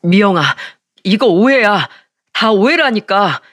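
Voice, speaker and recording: A flustered young man caught in a lie, as a female narrator puts him on stammers and pleads slowly. The sound is dry and close. It plays as part of a spoken storybook. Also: on the high side, animated, fairly bright tone, no room sound. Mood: pleading.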